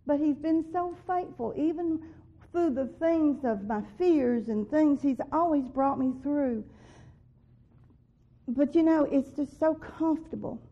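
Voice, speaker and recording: A woman speaking unhurriedly in a high voice gives a heartfelt personal testimony of faith, pressing harder as she repeats what she believes God told her. The sound is a dull lo-fi recording.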